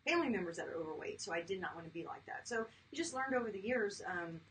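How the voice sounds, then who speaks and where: A woman's voice: medium pitch, animated, fast, a bit bright. A woman in her fifties, a chiropractor, talking casually as an interview guest with lots of fillers. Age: 50s. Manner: chatty, laughs easily, many fillers. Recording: distant mic with faint background noise.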